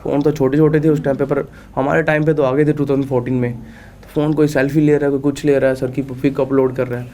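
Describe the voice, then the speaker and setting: A man's voice: mid-range voice, little pitch movement, fast, mellow, slight background noise. A young man, an athlete guest on a podcast, telling rambling stories full of fillers and frequent laughter in a studio. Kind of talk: casual storytelling interview.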